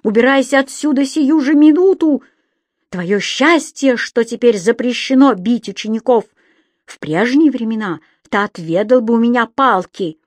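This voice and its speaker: A woman voicing a pompous, irritable male senior schoolteacher who scolds and shouts in a storybook reading. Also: mid-range voice, little pitch movement, a little slow, hardly any pauses, no echo, lightly acted. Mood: furious. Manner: stern, shouting, indignant.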